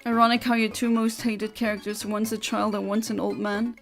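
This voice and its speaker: A woman's voice: mid-range voice, little pitch movement, a little fast, soft background music. A young woman from Luxembourg, chatting on a livestream headset mic, reading out viewer comments and giggling between rambling asides.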